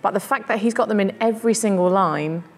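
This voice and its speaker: A woman's voice: mid-range voice, quick pace, in a large hall. A woman hosting a podcast, chatting casually about poetry and thinking aloud with fillers. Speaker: podcast host.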